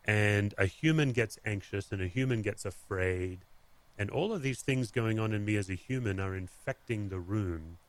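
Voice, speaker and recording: A man's voice: lowish voice, moderate pace. An Australian man co-hosting a podcast, talking candidly with many restarts. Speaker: pastor and podcast co-host. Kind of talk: conversational podcast talk.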